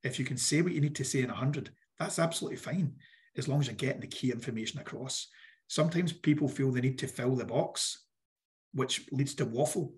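Croaky-voiced man giving workshop advice. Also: medium pitch, a little fast. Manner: direct, instructive, repeats key advice. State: croaky voice, clearing his throat. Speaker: workshop presenter for a business funding competition. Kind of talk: online workshop presentation.

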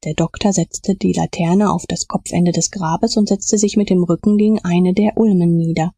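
A woman reading an audiobook as narrator in calm, measured storytelling. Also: fairly low pitch, breathy edge, no room sound. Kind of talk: scripted narration.

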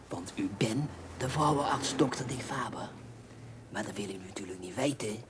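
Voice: low-pitched, slight background noise, lightly acted. A performer playing a pushy, overfamiliar book fan in a film comedy sketch, nudging with constant asides and sly whispers. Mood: insistent. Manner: insistent, keeps nudging with "hè?" and drops into sly whispers.

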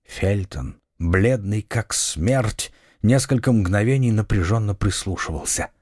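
Expressive male audiobook narrator. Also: fairly low pitch, a little slow. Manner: expressive dramatic reading, varied tempo. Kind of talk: scripted narration.

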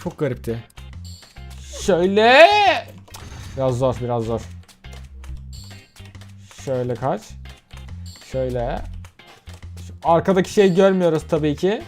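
An excitable young man talks through a game in loose, casual commentary. His voice swings widely and sits slightly high. He breaks into sudden yelps and shouts, with faint music playing under him. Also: a little slow, pauses often. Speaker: gaming YouTuber. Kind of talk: casual let's-play commentary.

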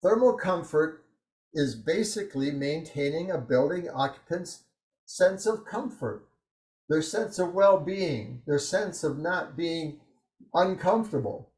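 A man presenting a technical webinar over a video call, explaining at a steady pace with frequent "uh" fillers. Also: on the high side, measured pace, roomy sound, low-quality recording.

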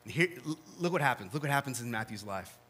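A male pastor preaching an earnest sermon in church, dropping soft and low to stress key lines. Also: expressive, fast. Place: church sanctuary.

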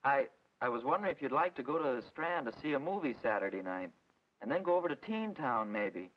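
A young man with an American accent playing a casual, keen high school boy in a 1940s instructional film. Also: expressive, brisk, natural voice. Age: young adult. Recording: dull, lo-fi 1940s film soundtrack.

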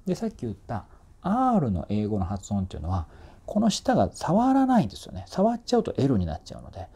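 A man's voice: medium pitch, huge pitch swings, fast talker, warm tone, husky. A man working as a voice trainer, explaining singing technique in a chatty, informal way and demonstrating vowel sounds.

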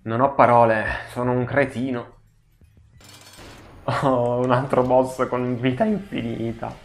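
A man hosting a gaming channel, giving excitable let's play commentary, swearing and pleading with the enemies on screen. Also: mid-range voice, slow pace.

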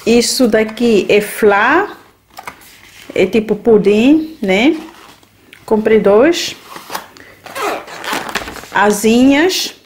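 A woman's voice: a little high, drawn-out words, long pauses, slight background noise. A woman, talking through her grocery shopping in a home kitchen, listing items unhurriedly and ending phrases with little checking tags. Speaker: vlogger. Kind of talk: grocery haul vlog.

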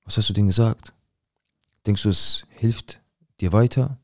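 A young man acting out a rough-talking, paranoid drug dealer who tells his own story in a dramatic monologue full of slang and swearing. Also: on the low side, measured pace, no room sound, studio quality. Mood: tense. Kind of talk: dramatic first-person monologue.

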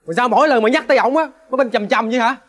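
Casting: a surly Southern Vietnamese son, high voice, rapid-fire and curt. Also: male voice, fairly bright tone. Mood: defiant. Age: young adult. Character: resentful hot-headed young son. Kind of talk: TV crime reenactment drama.

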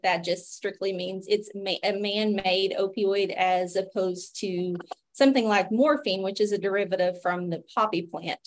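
A woman in her thirties with an Appalachian accent, hosting and presenting a webinar as a physician over a video call. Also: medium pitch. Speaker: webinar host, physician and pharmacist.

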